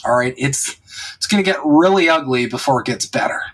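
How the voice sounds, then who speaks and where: A man's voice: mid-range voice, expressive, a little fast, a bit bright. A man hosting a podcast, talking politics in a casual, profane and emphatic way. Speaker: podcast host.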